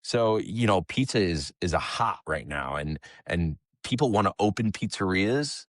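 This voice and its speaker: A man, a pizzeria owner, talking in a relaxed, casual way as a podcast guest. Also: low voice, moderate pace, no room sound, clean studio sound. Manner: relaxed, conversational, swears casually.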